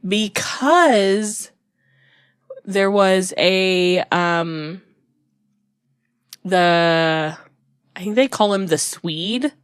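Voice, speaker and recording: A woman's voice: medium pitch, drawn-out words, long pauses, clean tone, no room sound, clean studio sound. A woman hosting a casual book podcast, rambling and correcting herself as she talks. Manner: rambling, restarts and self-corrections. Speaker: podcast host. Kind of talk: casual chat about books.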